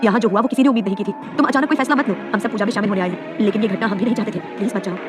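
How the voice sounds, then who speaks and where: Woman voicing a soft-spoken pleading uncle. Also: mid-range voice, racing, over music, close to an everyday voice. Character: gentle older uncle, peacemaker.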